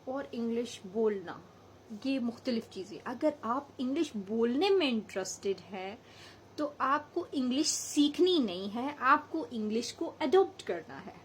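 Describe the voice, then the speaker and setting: A woman's voice: a little high, a little hiss or hum, low-quality recording. A woman from Hazara in Pakistan with a local accent, giving a chatty spoken English lesson and mixing English phrases into her explanations. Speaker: English teacher.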